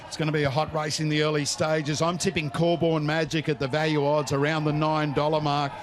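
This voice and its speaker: A man with an Australian accent and a slightly raised pitch, hosting a greyhound racing broadcast. He runs through form and odds in the manner of a betting tipster. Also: little pitch movement, brisk.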